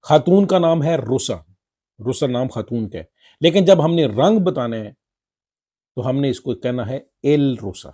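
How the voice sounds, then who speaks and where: Slow, dark-voiced man teaching Spanish. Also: mid-range voice, animated. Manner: spells out words and repeats them slowly. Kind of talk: slow spoken language lesson.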